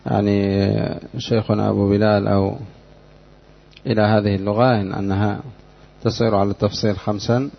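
Man teaching grammar, kinda low voice, keeps quizzing the class, dull lo-fi sound. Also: little pitch movement, creaky. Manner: drills students with repeated questions; measured, explanatory delivery. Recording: dull lo-fi lecture recording.

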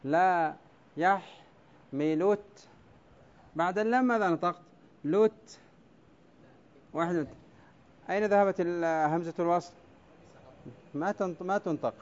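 A male teacher in a classroom, going over poetic meter at the board, drawing words out slowly syllable by syllable and calling on students by name. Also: sits high, highs cut off. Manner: quizzes students by name, brief praise. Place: classroom with a blackboard.

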